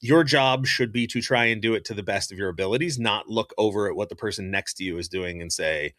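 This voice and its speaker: Male host, casual opinionated stream chat; somewhat low, forceful tone, dry close recording. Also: brisk, dry recording. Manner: opinionated, animated, thinks aloud with fillers and restarts. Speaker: hockey podcast host. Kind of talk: casual live-stream commentary answering chat.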